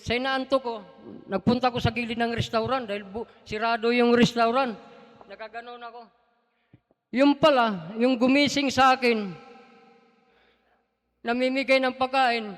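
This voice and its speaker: Middle-aged man, very high smooth voice, halting church testimony, big hall reverb. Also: fairly even intonation, a bit bright. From Philippines. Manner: halting, voice rising as he praises God. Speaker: church member giving testimony. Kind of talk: emotional personal testimony.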